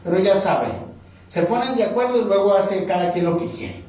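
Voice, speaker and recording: A man preaching a sermon, acting out a story and pitching up for the characters' lines. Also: normal speed, mellow. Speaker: pastor. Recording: very echoey room, distant mic, faint noise.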